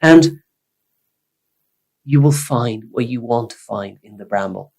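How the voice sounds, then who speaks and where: A man from Sweden speaking English, a psychotherapist guest explaining ideas in an animated, emphatic way. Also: medium pitch, slow, gravelly. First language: Swedish. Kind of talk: conversational podcast interview.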